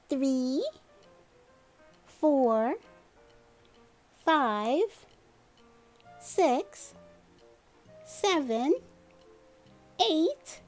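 Slow, sing-song woman coaching toddlers. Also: sits high, darkish tone. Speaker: children's video host. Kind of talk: toddler learning lesson with a puppet.

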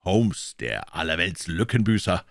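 A male reader voicing a huge, brutish older country doctor who shouts insults and threats in a raised voice. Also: low-pitched, very animated, a little slow, dry recording, studio quality, full character voice. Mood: taunting. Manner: shouting, insolent and menacing.

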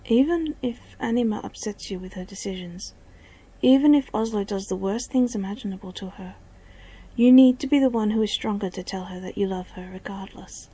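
A gentle, sincere male wolf offers comfort in a soft, half-whispered voice, as a woman puts him on. The sound is mellow and breathy. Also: mid-range voice, a little fast, lightly acted.

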